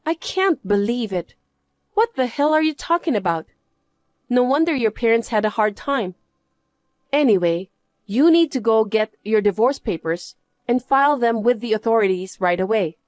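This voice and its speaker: A woman's voice: on the high side, animated, normal speed, no room sound, clean studio sound, lightly acted. A woman playing a scornful betrayed wife in a story drama, scolding and dismissive. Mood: indignant. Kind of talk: dramatised story narration and dialogue.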